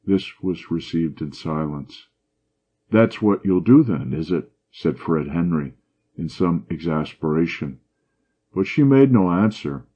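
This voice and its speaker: A man narrating a classic short story in a measured, low-key manner. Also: mellow. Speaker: audiobook narrator. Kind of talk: scripted narration. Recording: dull lo-fi audio.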